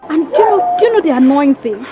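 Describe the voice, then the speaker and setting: A woman's voice: high voice, big pitch swings. An actress playing a frantic, angry young village woman, stammering as she vents. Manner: agitated, talks fast, stammers. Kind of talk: Nollywood film acting. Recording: dull film audio under music. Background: film score.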